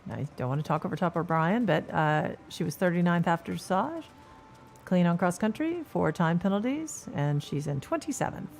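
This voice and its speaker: Woman, Kentucky accent, show jumping commentator, low gravelly voice, chatty and joking. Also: animated, normal speed, darkish tone, soft background music. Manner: chatty, jokey, reads out horse details. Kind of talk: live sports commentary, casual chat.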